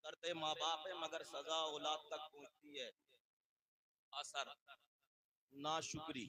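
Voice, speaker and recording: A man's voice: fairly high pitch, level tone, slow, bright, forceful tone, dry recording, poor audio. A man preaching a sermon to a gathering, posing questions and answering them himself, repeating key phrases for emphasis. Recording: live gathering with crowd noise.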